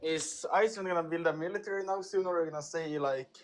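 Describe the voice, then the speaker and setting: A man's voice: fairly high pitch, fast talker, slight background noise. A man from Sweden who joins a live stream as a caller and talks hesitantly, full of fillers. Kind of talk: casual chat.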